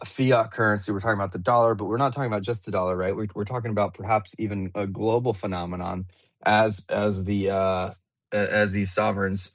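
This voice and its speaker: A man hosting a live online audio panel, chatty and relaxed, with frequent fillers and restarts. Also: on the low side, no echo, studio quality. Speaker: host. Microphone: remote audio call.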